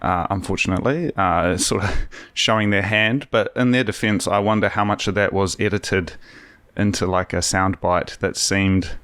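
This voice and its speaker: A man hosting a podcast, talking in a relaxed, rambling way with casual swearing. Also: sits low, moderate pace, dry recording. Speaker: podcast host. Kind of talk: casual conversational interview.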